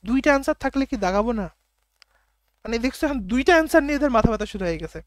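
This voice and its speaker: A woman tutor with a Bangladeshi accent runs an online exam-prep class, checking answers and putting questions back to her students. Her voice sits fairly high, and it is recorded close and dry with no room sound. She slows right down to read each English sentence aloud. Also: expressive, no room sound. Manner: quizzing students, reading English sentences slowly. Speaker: teacher.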